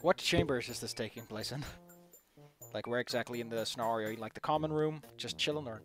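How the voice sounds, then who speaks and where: A man's voice: mid-range voice, a little fast, loud music behind the voice. A man running a tabletop game as game master, talking casually with his players.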